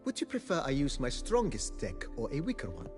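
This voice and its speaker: A man's voice: medium pitch, wildly swooping pitch, brisk. A male actor playing a polite, deferential butler-like card player in a video game, speaking in formal, servile phrases. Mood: courteous. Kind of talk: video game character dialogue. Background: game music.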